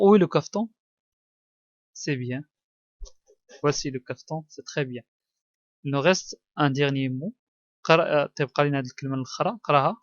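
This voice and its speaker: A primary school teacher with a Moroccan accent and a fairly high voice gives a child a one-on-one reading test, coaxing patiently and repeating words slowly while mixing French with Arabic. The dull, dry lo-fi recording has no room sound.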